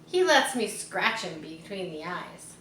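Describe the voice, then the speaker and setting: A woman voicing an eager, contrary young farm boy in a children's storybook, blurting things out excitedly. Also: on the low side, measured pace, far from the mic. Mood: excited, defiant. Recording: roomy echo, faint background noise.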